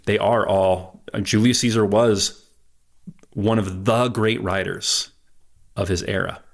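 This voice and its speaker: A man's voice: low-pitched, gravelly. A man who is an interview guest, explaining confidently and posing rhetorical questions as he talks. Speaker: guest, history enthusiast.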